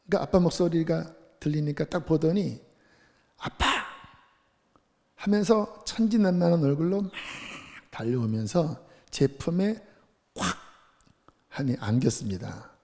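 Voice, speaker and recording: A middle-aged man preaching a sermon as pastor, earnest, moving between hushed tender passages and raised emphatic scripture reading. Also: medium pitch, vocal fry. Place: church sanctuary. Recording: long church hall reverb.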